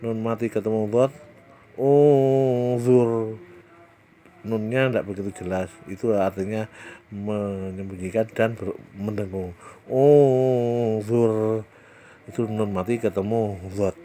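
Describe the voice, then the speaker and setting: A man teaching Quran recitation rules, explaining slowly with hesitations and drawing out the recited example words. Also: on the low side, steady tone, dark tone. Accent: Indonesian. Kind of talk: tajwid lesson with recited examples.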